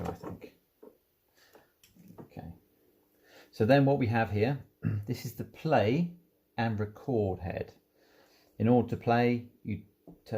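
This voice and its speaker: Demonstrating audio gear, a man with a mellow voice on the low side walks through the product informally and hands-on. He takes his time and explains it step by step.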